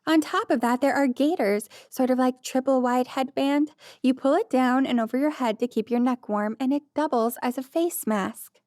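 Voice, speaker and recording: A chirpy, pushy saleswoman with a sing-song lilt, put on by a woman narrator. She pitches high and won't take no for an answer, in a dry close recording of an audiobook. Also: moderate pace, few pauses, darkish tone, dry recording, natural voice. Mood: insistent. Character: sing-song pushy female ski shop clerk.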